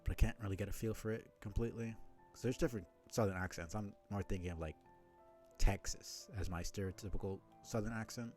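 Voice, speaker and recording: A man's voice: lowish voice, steady tone, fast talker, a little mellow, faint music behind. A man from New York City streaming a game, thinking aloud in a rambling, filler-heavy way. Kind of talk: let's-play commentary.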